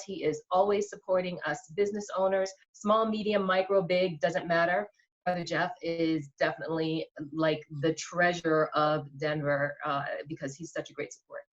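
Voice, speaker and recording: An enthusiastic woman tells her story as a guest, full of ums and warm excitement. Her voice sits fairly low and comes through a dull, muffled connection. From Queens, New York. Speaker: guest, small business owner. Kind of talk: casual interview.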